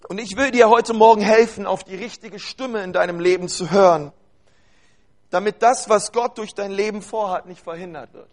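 A man's voice: high-pitched, normal speed. A man preaching a sermon to his congregation. He speaks earnestly and urges them on, repeats phrases and addresses his listeners directly.

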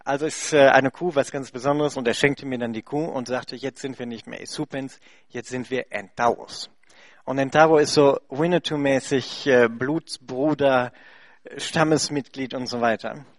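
A man's voice: mid-range voice, fairly even intonation, normal speed, dry recording, studio quality. A German man who heads a charity, interpreting for a guest and then telling a congregation a story, chatty and full of fillers. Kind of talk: speaking to a church congregation.

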